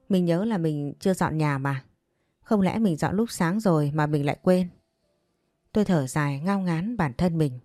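A woman's voice: sits low, dark tone, no room sound, clean studio sound. A woman narrating a romance story in the first person, in an intimate, confiding way.

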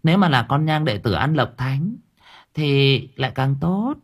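A man voicing a theatrical, scheming young female fortune-teller, sobbing in a high falsetto wail. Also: animated, unhurried, husky. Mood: knowing.

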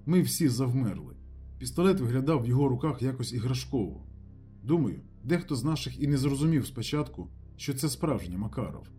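A man narrating a literary audiobook in a lively, expressive reading. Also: mid-range voice, fairly quick, soft background music.

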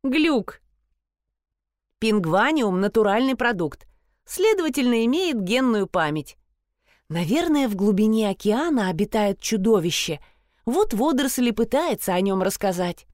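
A woman's voice: on the high side, big pitch swings, unhurried, a little mellow, no room sound, studio quality. A woman reading an audiobook, voicing a cheerful young salon worker who reassures a client.

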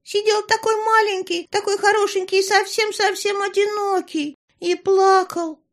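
A woman voicing an excitable young woman in an audiobook who gushes and squeals in a very high voice. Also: normal speed. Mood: earnest. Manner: gushing, squealing. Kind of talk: audiobook character voice.

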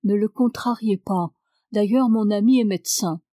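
Brief: calm wise nobleman, low and gentle, woman reader. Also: normal speed, dry recording, close to an everyday voice. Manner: soft, gentle delivery.

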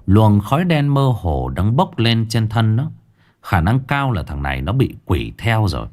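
A man telling a ghost story with a low voice and lively, expressive colloquial delivery. His pitch rises and falls freely as he drives the tale along. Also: measured pace.

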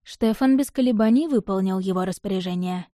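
A woman narrating a first-person audiobook in an even, measured storytelling manner. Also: medium pitch, dry recording, studio quality.

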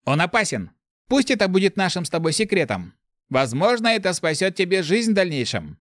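A man's voice: high-pitched, sing-song, brisk, no room sound, clean studio sound, voice pushed up. A man voicing the disembodied voice of a male spirit inside a young man's head, scolding and urgent. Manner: urgent, reproachful. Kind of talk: audiobook narration.

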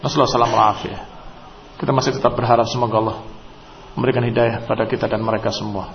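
A man preaching a religious lecture, emphatic and rising to forceful exclamations, tagging his points with short interjections. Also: mid-range voice, little pitch movement, fast talker. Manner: peppers speech with short "ya" and "hei" tags. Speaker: Islamic preacher. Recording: dull lo-fi lecture recording with faint noise.

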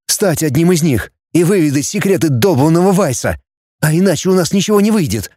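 A resolute young man lays out his plan earnestly, read by a male narrator close to his own voice. The tone is mellow and dry, with lively rises and falls. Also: fairly high pitch, a little fast, dry recording, pitched above the performer's own voice. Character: determined young man, the hero.

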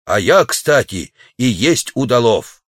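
A brash, self-assured savage, as a male reader plays him speaks in slow, declaiming tones with lively swings of pitch. The voice is recorded close and dry. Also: slightly rough, dry recording, exaggerated voice. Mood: defiant. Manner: cocky and declaiming. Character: naked, bold sword-wielding savage man.

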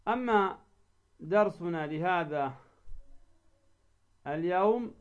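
A man with a somewhat high voice teaches recitation in a slow, deliberate way. He poses questions and answers them himself, repeating example words to model the sounds. The recording is dull and lo-fi. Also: lively intonation. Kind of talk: recorded lesson.

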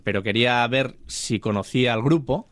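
A man's voice: mid-range voice, normal speed, no room sound. A man, co-hosting a podcast and chatting enthusiastically about old films. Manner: enthusiastic storyteller. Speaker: podcast co-host. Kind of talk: casual chat about films.

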